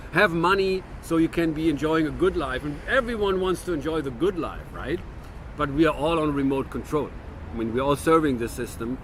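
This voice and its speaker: This vlogger, a fiftysomething from Germany, speaks with a German-American accent in an earnest, reflective monologue full of restarts. His pitch runs on the high side and his tone is fairly bright, over slight background noise.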